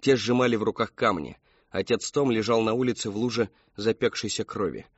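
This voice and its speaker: A man reading an audiobook in measured scripted narration. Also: fairly low pitch, fairly even intonation, slightly rough, no room sound. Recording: dull dry studio read.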